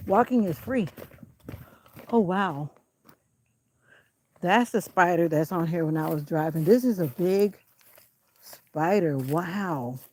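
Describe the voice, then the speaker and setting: A woman's voice: on the low side, darkish tone, slight background noise, poor audio. Breathless woman walking outdoors. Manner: chatty, out of breath, encouraging. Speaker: vlogger. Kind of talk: casual walking vlog. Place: outdoors on a country road. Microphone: handheld camera while walking.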